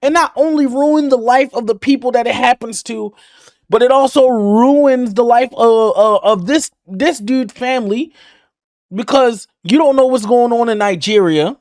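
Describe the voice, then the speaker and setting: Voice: mid-range voice, unhurried, a little mellow, dry recording, studio quality. A reaction video host ranting angrily with heavy profanity while commenting on a clip. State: livid.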